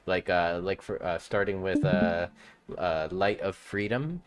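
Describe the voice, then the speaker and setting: A man's voice: sits low, a little slow, clean tone. A man hosting a casual live-streamed interview, laid-back and chuckling often, his speech hesitant with fillers. He was born in Ecuador. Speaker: talk show host.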